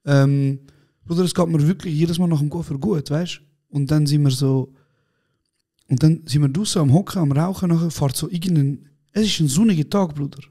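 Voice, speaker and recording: A man's voice: fairly high pitch, fairly quick, warm tone. A man co-hosting a casual podcast chat, telling funny stories in slangy street talk and acting out what people said. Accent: Swiss German. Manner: slangy storytelling, acts out quotes, laughs a lot. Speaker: podcast co-host.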